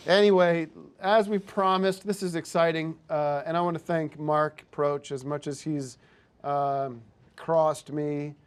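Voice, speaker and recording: A man's voice: fairly high pitch, fairly even intonation, a little slow, clean tone. A man hosting a comedic show, pushy and interrupting as he gives direction. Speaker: host.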